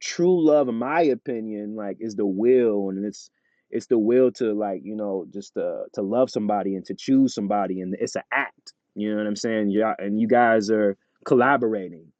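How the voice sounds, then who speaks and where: A man's voice: fairly low pitch, moderate pace, darkish tone, no echo, muffled recording. A man in a casual interview chat as a rapper guest, laid-back and full of "you know what I'm saying".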